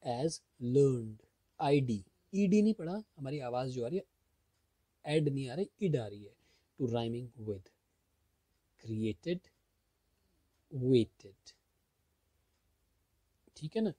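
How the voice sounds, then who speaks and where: Slow, mellow-voiced teacher explaining a lesson. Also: male voice, medium pitch, husky, dry recording. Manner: reads English lines slowly, then explains in Hindi; asks students questions and answers them himself. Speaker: English teacher. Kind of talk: explaining a school textbook chapter.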